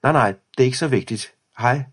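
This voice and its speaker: Male narrator as a timid boy who hedges, a bit higher than his own voice, husky. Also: close to an everyday voice. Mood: nervous. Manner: hesitant, easily embarrassed. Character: hesitant schoolboy, cautious and nervous.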